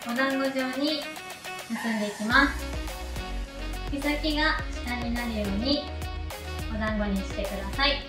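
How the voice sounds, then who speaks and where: A woman gently narrating a hair tutorial step by step in an unhurried way. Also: fairly high pitch, over music. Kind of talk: calm step-by-step voice-over instruction. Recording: echoey room, a bit distant from the mic.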